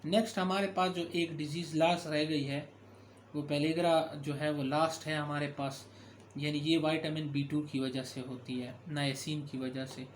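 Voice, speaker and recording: A man's voice: on the high side, a little hiss or hum. Man lecturing with fillers and restarts. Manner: explanatory, with frequent fillers and self-corrections. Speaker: medical lecturer. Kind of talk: recorded lecture.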